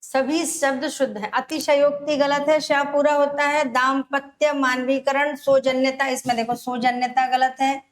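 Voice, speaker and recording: A woman teaching Hindi grammar for an exam, explaining step by step and repeating words slowly. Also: high-pitched, level tone. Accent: Rajasthani Hindi. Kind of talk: exam-prep grammar lesson.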